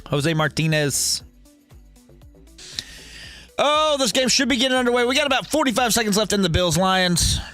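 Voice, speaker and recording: This livestream host, a man in his thirties, has a high, sharp voice with lively intonation, a moderate pace and frequent pauses. Soft music plays behind him as he swears and trades jokes with chat during a sports watch-along.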